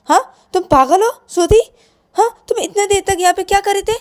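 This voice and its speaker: A woman voicing an exasperated young woman who scolds in shrill, rapid questions. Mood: scolding.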